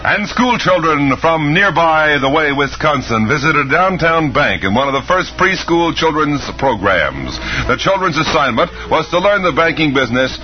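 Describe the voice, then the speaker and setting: Man putting on a lively old newsreel announcer. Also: on the high side, moderate pace, few pauses. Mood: mock-earnest. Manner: declamatory, formal announcing. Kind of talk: old newsreel narration, parody. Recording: dull lo-fi radio recording, music behind.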